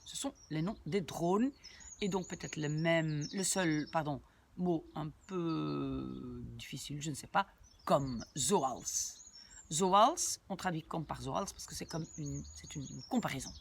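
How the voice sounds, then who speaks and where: Slow, patient woman teaching Dutch. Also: low-pitched, gravelly, a little hiss or hum. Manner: patient, repeats and translates word by word; chatty asides to viewers. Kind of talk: language lesson explaining a sentence.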